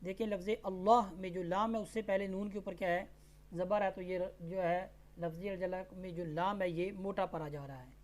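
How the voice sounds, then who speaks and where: A woman teaching tajweed who spells out letters and vowel marks, then recites each word slowly and drawn out. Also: on the low side, steady tone. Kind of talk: tajweed lesson.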